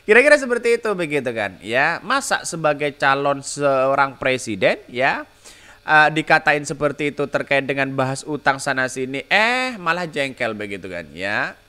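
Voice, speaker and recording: A man's voice: mid-range voice, very animated, moderate pace, sharp tone, clean tone. A man hosting a solo political commentary podcast, talking in a mocking tone and tagging nearly every phrase with filler. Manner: mocking, with repetitive filler tags.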